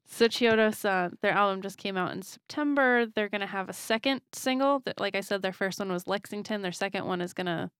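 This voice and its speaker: A young woman publicist chats her way through a band pitch, laughing often. Her voice sits mid-range, very smooth and clear. The recording is close and dry. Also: a bit bright, no room sound. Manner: chatty, laughing often, brisk pitch patter. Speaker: music publicist. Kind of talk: casual interview, pitching bands.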